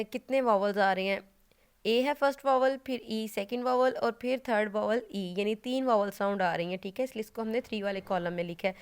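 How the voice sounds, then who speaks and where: A woman teacher talks through a recorded online lesson in a clear, smooth voice that sits a little high. She explains patiently, step by step, often pausing to check that her class is following, and mixes English terms into her explanations.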